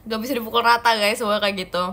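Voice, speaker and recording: Bright, teasing young woman on a livestream. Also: on the high side, fairly even intonation, rapid-fire. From Indonesia. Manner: playful and teasing, giggly. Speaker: idol livestream host. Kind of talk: casual livestream chat answering viewer comments.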